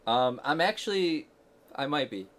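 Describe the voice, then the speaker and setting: A man's voice: a little high, expressive, measured pace, fairly bright tone, slight background noise. Laughing, self-mocking man on a podcast. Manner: laughs often, self-deprecating. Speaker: podcast co-host. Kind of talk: casual podcast banter.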